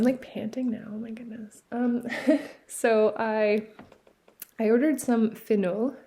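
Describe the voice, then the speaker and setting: A knitting podcast host from Newfoundland, Canada, chatting casually and rambling with fillers and self-corrections as they show yarn and socks in a seaside cabin. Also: female voice, medium pitch, darkish tone. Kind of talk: casual show-and-tell chat. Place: cabin by the sea.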